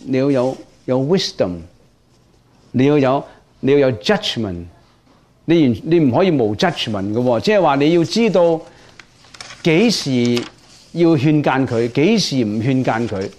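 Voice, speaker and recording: A man's voice: mid-range voice, expressive, measured pace, a little mellow. A man teaching Buddhist precepts in a dharma lecture, speaking emphatically and often repeating words as he restarts.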